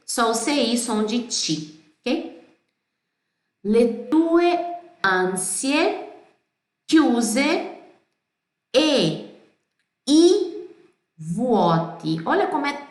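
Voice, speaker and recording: A Brazilian woman with a Brazilian Portuguese accent teaching Italian pronunciation, singing song lines slowly and explaining in quick bursts. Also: on the high side, roomy sound. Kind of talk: pronunciation lesson.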